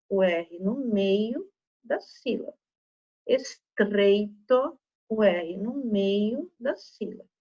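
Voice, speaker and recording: Speaking with a husky, fairly high-pitched voice on a muffled recording, a Brazilian Portuguese-accented teacher leads children through a recorded spelling lesson. She stretches each example word out slowly, syllable by syllable, with patience.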